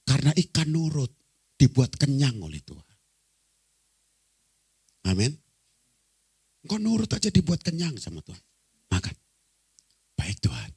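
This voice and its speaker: A man preaching a lively, comic sermon, acting out the story's dialogue in changing voices. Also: fairly high pitch, normal speed, pauses often, husky, no room sound. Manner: animated, acts out dialogue with shifting voices. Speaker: pastor.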